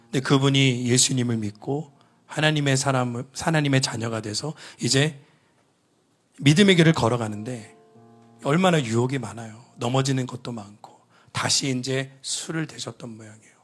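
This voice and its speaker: A middle-aged male pastor preaching a sermon, telling a story with emotion and dropping to hushed whispers before rising into loud pleading. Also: medium pitch, moderate pace, husky, soft background music.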